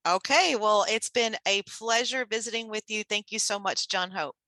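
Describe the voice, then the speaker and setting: A woman's voice: mid-range voice, normal speed, pushed and bright, poor audio. A woman hosting a podcast interview, offering short encouraging responses to her guest. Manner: brief encouraging backchannels. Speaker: podcast host. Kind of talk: casual interview chat.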